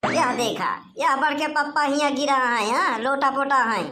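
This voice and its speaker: A woman's voice: sits high, moderate pace, over music, close to an everyday voice. A woman voicing an easygoing young village man in a cartoon, with an Awadhi accent and a chatty, teasing manner. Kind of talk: cartoon voice acting.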